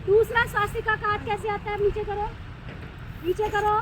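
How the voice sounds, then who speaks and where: A woman spiritual teacher leading a class outdoors without a microphone, instructive, constantly quizzing the group and urging them to answer louder. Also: very high voice, flat delivery, normal speed, over a noisy crowd. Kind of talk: spiritual class with call-and-response. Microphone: no microphone, speaking unamplified. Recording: distant voice with loud outdoor noise.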